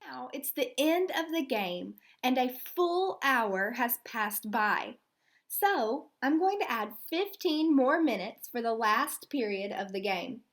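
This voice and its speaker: This high-pitched woman takes the role of an elementary school teacher reading aloud, explaining every step at an unhurried, careful pace. Lively pitch movement gives her storytelling extra animation.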